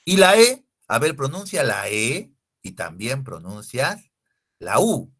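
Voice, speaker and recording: A man's voice: mid-range voice, sing-song, takes it slowly, vocal fry, a bit bright, breathy edge. A man teaching a language lesson, explaining step by step and often checking with rhetorical questions. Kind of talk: recorded lecture.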